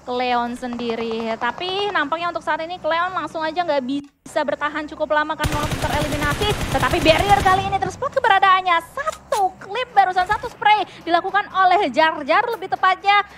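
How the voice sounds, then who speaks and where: A woman's voice: extremely high pitch, fairly quick, hardly any pauses, noisy background. A woman with an Indonesian accent giving flowing, wordy live commentary on an esports match. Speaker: esports caster.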